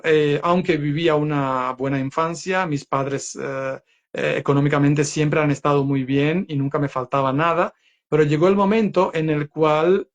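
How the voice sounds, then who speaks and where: Croatian-born guy telling his life story in his second language, earnest, lots of ums, slightly high voice. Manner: earnest, reflective, with many fillers and rhetorical tags. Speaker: guest. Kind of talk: storytelling interview talk.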